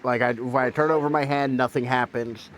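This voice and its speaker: A man's voice: mid-range voice, steady tone, brisk. A man streaming a game, chatting casually with a sore throat from a cold, rambling and swearing. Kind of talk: casual gameplay commentary.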